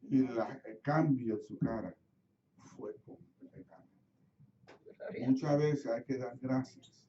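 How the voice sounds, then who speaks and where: A man's voice: medium pitch, slow, pauses often, warm tone, a little hiss or hum. A middle-aged man with a Puerto Rican accent preaching a sermon as pastor, telling stories and acting out his own prayers. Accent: Puerto Rican Spanish. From Puerto Rico. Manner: storytelling, acts out his own prayers, asks the congregation questions. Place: church sanctuary. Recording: roomy church sound from a distant mic, slightly dull.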